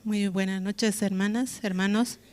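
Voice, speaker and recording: A woman's voice: medium pitch, steady tone, measured pace, darkish tone. A woman with a Bolivian Spanish accent giving an emotional testimony in church, often adding "right?" to her phrases. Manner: emotional, tag questions "¿no?" often. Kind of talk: spoken testimony.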